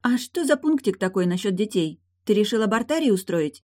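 A woman's voice: medium pitch, animated, fairly quick, dark tone, voice pushed up, close to an everyday voice. A woman voicing a cool-headed captive young woman asking sardonic questions, in an audiobook. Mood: probing.

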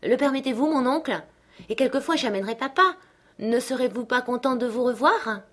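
A woman voicing an impulsive, affectionate teenage girl who asks eager, excited questions, in an audiobook. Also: high-pitched, a little fast, pitched above the performer's own voice. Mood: teasing. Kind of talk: audiobook character reading.

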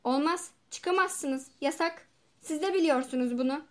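A woman reading the part of a coarse male hospital guard who gives slow, curt orders in an audiobook. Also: sits high, close to an everyday voice. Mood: stern.

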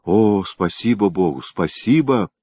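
A jealous, tearful young woman pleads and reproaches in an audiobook scene, as a man reads her. The voice is low but lifted above the narrator's own tone and sits in a dry, close space. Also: animated, a little slow, warm tone, slightly rough, no room sound. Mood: overjoyed. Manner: pleading, emotional. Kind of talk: audiobook character reading.

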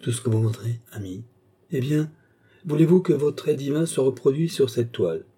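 A man's voice: medium pitch, animated, moderate pace, mellow, husky, pitched above the performer's own voice. A man voicing an ardent young male painter in an audiobook, speaking with passionate, pleading intensity. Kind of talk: audiobook character voice.

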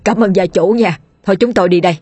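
A woman's voice: mid-range voice, quick pace, mellow, husky, no room sound, close to an everyday voice. A woman voicing a cheeky, shameless old man who chatters and nags. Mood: eager. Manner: chattering and nagging.

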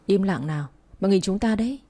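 A cold, arrogant young man, as a woman narrator reads him, snapping curt and dismissive orders. The voice is mellow and warm, at a middle pitch. He speaks as a figure in a read-aloud romance story. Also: animated, a little fast, close to an everyday voice. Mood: teasing.

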